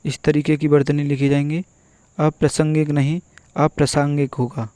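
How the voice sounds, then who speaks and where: A man teaching an exam-prep spelling lesson, going through word after word and repeating each one slowly and methodically. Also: on the high side, level tone, dark tone, no room sound. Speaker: Hindi teacher.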